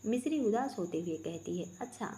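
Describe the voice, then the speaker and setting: A woman reading a family story aloud in a steady, plain narration. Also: mid-range voice, normal speed.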